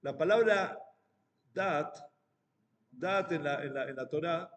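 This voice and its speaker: A rabbi with an Argentine accent giving a Torah class, talking in a halting way with many restarts and fillers. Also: male voice, fairly high pitch, fairly bright tone, long reverb tail. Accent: Argentine Spanish.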